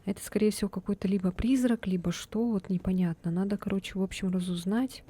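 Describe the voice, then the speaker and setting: A woman doing casual let's-play commentary as a game streamer, chatty and quick to exclaim and giggle in reaction. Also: medium pitch, steady tone, dark tone, slightly rough.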